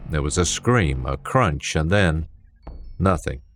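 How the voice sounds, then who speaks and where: Deep slow male horror narrator. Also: animated, slight background noise. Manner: tense, dramatic reading. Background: faint music.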